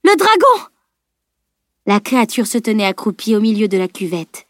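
A woman reading a fantasy novel aloud as an audiobook narrator, steady and expressive. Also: mid-range voice, dry recording, studio quality.

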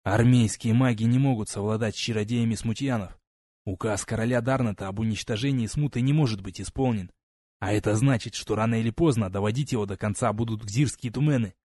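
A man's voice: a little fast, a little mellow, no echo, natural voice. Weary soldier, glum and subdued; male narrator reads him. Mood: gloomy. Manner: glum, low.

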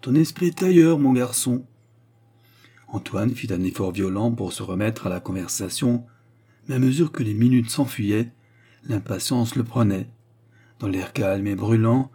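Mellow husky male narrator. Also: lowish voice. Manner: measured, even storytelling. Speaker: audiobook narrator. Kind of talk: reading a classic novel aloud.

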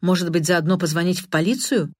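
A woman reading an audiobook, voicing a brisk, practical middle-aged woman. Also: on the low side, darkish tone, breathy edge, no room sound, clean studio sound.

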